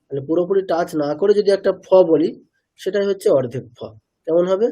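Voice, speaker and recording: Mellow-voiced man teaching pronunciation. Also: high voice, a little fast, husky. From India. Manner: asks students questions and repeats answers; demonstrates sounds by repeating syllables. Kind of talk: online class lecture.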